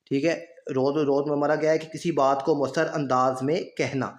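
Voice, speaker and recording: A male teacher giving an exam-prep grammar lesson to students, explaining step by step and often pausing to check that they follow. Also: a little high, fairly even intonation, echoey room. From Pakistan.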